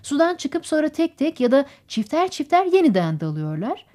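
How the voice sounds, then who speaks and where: Woman narrating an audiobook, lively pitch. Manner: measured storytelling, voices characters. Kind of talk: scripted literary narration.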